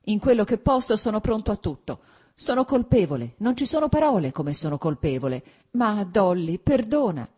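A woman's voice: on the low side, very animated, a little slow, mellow, husky, pitched above the performer's own voice, exaggerated voice. A woman voicing a contrite husband who pleads tearfully for his wife's forgiveness in an audiobook. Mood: pleading. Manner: sobbing, pleading, trembling.

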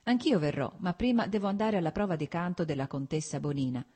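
A woman's voice: fairly low pitch, animated, quick pace, mellow, slightly rough. Jovial worldly nobleman, read by a woman. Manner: jovial, teasing, knowing. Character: genial, worldly nobleman bon vivant.

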